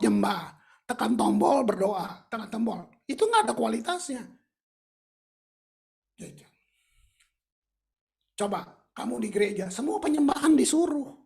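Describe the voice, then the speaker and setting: A woman preacher delivers an emphatic, colloquial sermon. Her voice is very husky and gravelly, and it sits a little high. She drops English phrases into her preaching. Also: darkish tone.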